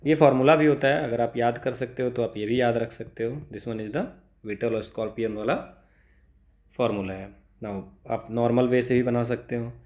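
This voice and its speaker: Here an Indian man explains exam problems stepwise, his halting lesson mixing English and Hindi and dotted with quick check-in tags. His voice is mid-range and somewhat dark, with fairly even intonation.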